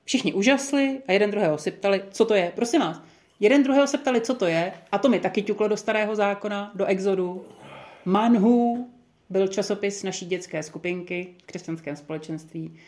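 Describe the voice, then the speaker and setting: A woman's voice: medium pitch, a little mellow. A woman leading a small group Bible study, thinking aloud in a chatty way with many fillers and restarts.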